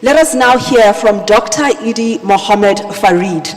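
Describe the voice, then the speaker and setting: A woman hosting a live panel on stage, addressing guests and audience in an emphatic, animated way. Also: mid-range voice, a little slow. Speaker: panel moderator. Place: large conference hall stage. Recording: echoey hall sound over PA.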